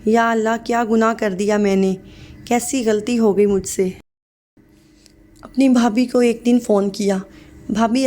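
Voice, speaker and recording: Higher-voiced woman reading a sad story. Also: a little mellow. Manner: reads every part in one plain voice. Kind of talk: scripted narration of a sad story.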